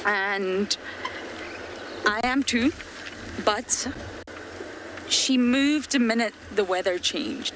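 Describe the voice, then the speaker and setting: A woman from Scotland with a Scottish accent, a safari guide chatting earnestly to viewers during a live game drive. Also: fairly high pitch. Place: open safari vehicle outdoors in the bush at dusk. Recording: outdoor bush ambience and vehicle noise.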